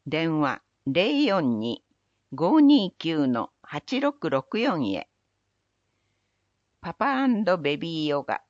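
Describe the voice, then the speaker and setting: A woman reading municipal event announcements in a measured, even recital of dates, places and phone numbers. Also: deep voice, no room sound, muffled recording. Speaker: city announcer. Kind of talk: scripted public announcement reading.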